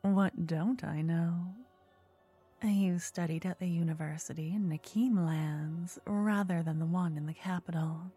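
In this intimate ASMR audio drama aimed at a single listener, a woman voices a tender, dangerously possessive, obsessive lover. Her voice is on the low side, very breathy, soft and mellow, with fairly even intonation and a slow, soothing pace. The mood is wistful and intimate, over soft background music.

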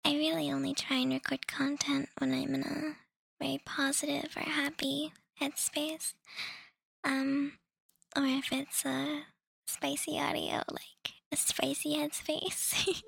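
A young woman whispering softly close to the mic, rambling and apologetic, with many pauses and ums as she updates her listeners. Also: high voice, vocal fry, no room sound, rough recording. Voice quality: soft whisper. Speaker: audio creator updating listeners.

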